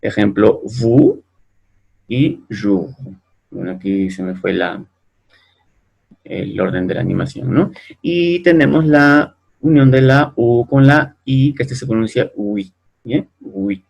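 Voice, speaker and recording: Speaking in a lowish, gravelly, animated voice, a man teaches French pronunciation to Spanish speakers. He patiently repeats words slowly and keeps checking on his learners, closing sentences with "¿no?" or "¿bien?".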